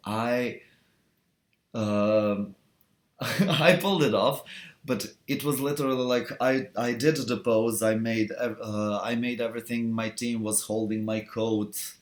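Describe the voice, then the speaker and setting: A man's voice: lowish voice, slow pace. A young man, chatting casually on a live stream and answering viewer questions, rambling with lots of fillers, restarts and laughs. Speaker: cosplayer hosting a live stream Q&A.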